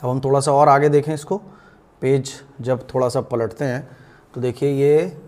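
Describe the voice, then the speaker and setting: A man's voice: mid-range voice, steady tone, darkish tone, soft background music. Patient man teaching Quran reading. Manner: patient, asks questions and answers them himself; draws out recited words slowly to demonstrate.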